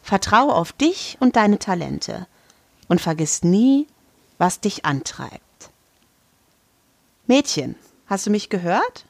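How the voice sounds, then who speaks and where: A woman voicing an eccentric, blunt old grandmother who speaks slowly and in a measured way. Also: mid-range voice, big pitch swings, creaky, dry recording, heavily acted. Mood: prodding. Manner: slow, measured, commanding.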